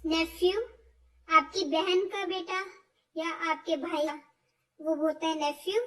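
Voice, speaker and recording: A woman teaching word lists, slowly repeating each word with stress. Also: very high voice, steady tone, a bit bright. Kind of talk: explaining vocabulary, slow and repetitive. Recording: voice from far off the mic.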